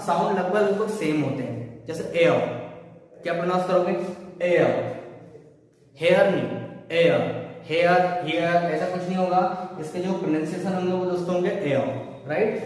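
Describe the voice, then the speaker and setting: A man with a high voice teaches a grammar lesson, posing questions to the class and answering them himself. He is heard from a distance in a room with a long, ringing echo. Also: a little mellow. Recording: echoey room picked up from far off.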